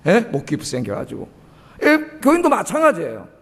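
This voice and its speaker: A man's voice: sits high, wildly swooping pitch, a little fast, breathy edge. A middle-aged male pastor preaching a sermon, emphatic, and often firing rhetorical questions at the congregation. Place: church sanctuary. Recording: long reverb of a church hall.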